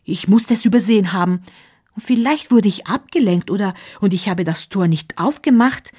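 A woman's voice: mid-range voice, moderate pace, darkish tone, husky, close to an everyday voice. A woman doing a weary old gatekeeper. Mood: worried. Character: old male gatekeeper, weary, doubting himself.

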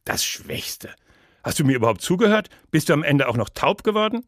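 A man voicing a proud poet who has been condemned, loud and indignant, in a dramatic story reading. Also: a little high, sing-song, fairly quick, dry recording, studio quality, pitched above the performer's own voice. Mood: outraged. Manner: indignant, shouting.

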